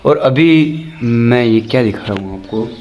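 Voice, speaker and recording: A man chats away in a casual vlog at a medium, everyday pitch, walking between his home and the lane outside during rain. He keeps pointing things out to his viewers in a loose, chatty way, speaking into a handheld phone camera. A faint outdoor ambience sits behind his voice. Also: moderate pace, a little mellow, a little hiss or hum, poor audio. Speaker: vlogger.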